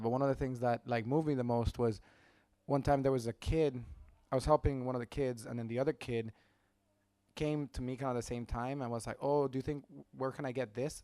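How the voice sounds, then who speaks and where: Smooth-voiced man from El Salvador. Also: mid-range voice, darkish tone, dry recording, clean studio sound. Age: 30s. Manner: rambling and enthusiastic, many restarts and "like"s. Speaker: engineer and hackathon mentor. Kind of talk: conference panel talk.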